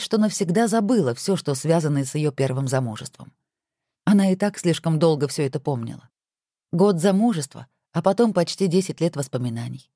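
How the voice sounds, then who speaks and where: A woman narrating an audiobook with wry, expressive storytelling. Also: on the low side, no echo, clean studio sound.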